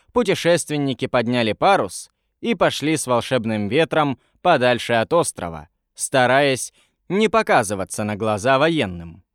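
A man narrating a fantasy audiobook in an even storytelling manner. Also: mid-range voice, dry recording, clean studio sound.

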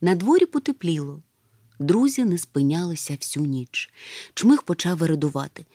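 Lady reading a kids story, very lively pitch, dry close mic. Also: moderate pace, no room sound. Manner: expressive, animated. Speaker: narrator. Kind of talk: audiobook narration.

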